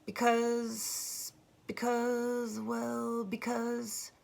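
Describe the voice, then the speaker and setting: A woman voicing a shy, nervous country boy who stammers and talks haltingly. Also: fairly high pitch, completely flat delivery, vocal fry, a little mellow, voice pushed up, exaggerated voice.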